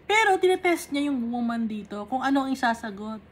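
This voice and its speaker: A woman's voice: sits high, lively intonation, brisk, breathy edge. A woman teaching a Bible study. She reads verses aloud and then explains them patiently, step by step, checking in with short tag questions. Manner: mixes English Bible reading with Tagalog explanation.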